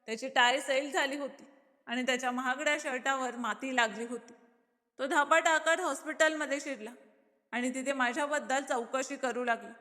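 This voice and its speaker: A woman reading a first-person story aloud in a steady, dramatic way. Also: high voice, moderate pace. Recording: long hall reverb.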